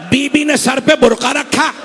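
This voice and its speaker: A cleric from Pakistan preaching a mourning sermon in a gathering hall, in a sorrowful, impassioned way. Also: male voice, very high-pitched, measured pace, sharp tone. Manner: sorrowful, impassioned delivery that rises into cries. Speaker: Shia cleric preaching a majlis.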